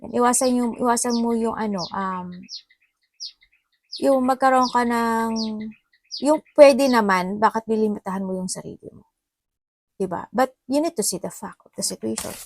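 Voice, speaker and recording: A woman from the Philippines giving a casual tarot reading, chatty and laughing often, her voice a little hoarse. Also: a little high, normal speed, pauses often, slight background noise. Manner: chatty, mixes Tagalog and English, laughs often. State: slightly hoarse voice. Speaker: tarot reader.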